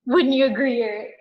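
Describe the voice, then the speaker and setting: A woman in her thirties sharing fond family memories of her grandmother in a halting, casual way, with many fillers and restarts. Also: sits high, dull audio. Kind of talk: casual spoken tribute.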